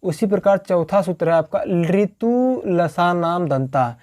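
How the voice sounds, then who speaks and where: A man's voice: high-pitched, lively intonation, unhurried, darkish tone. A male teacher explaining a grammar lesson at a board. He keeps checking in with "theek hai", asks the class questions, answers them himself and repeats each point.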